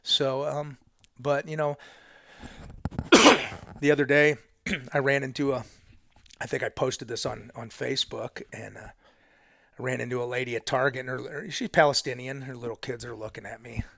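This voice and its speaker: A man's voice: mid-range voice, steady tone, moderate pace, gravelly, pauses often, fairly bright tone, no room sound, studio quality. A man in his thirties, a podcast guest on a headset mic in a living room, telling stories casually, swearing freely and dropping to a whisper for punchlines. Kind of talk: casual conversation. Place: living room, seated on a couch.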